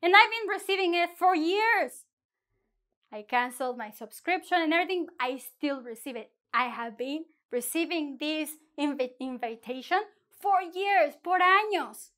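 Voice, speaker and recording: Bright, unhurried woman teaching Spanish. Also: sits high. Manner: playful, animated, drawn-out syllables for practice. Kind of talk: bilingual language lesson.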